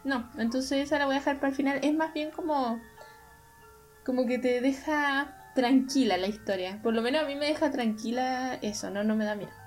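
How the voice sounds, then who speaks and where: A woman's voice: sits high, fairly quick, faint music behind. A young woman with a Chilean Spanish accent, telling a story in casual, rambling chat full of fillers. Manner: rambling, chatty, many fillers. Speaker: podcast co-host telling stories.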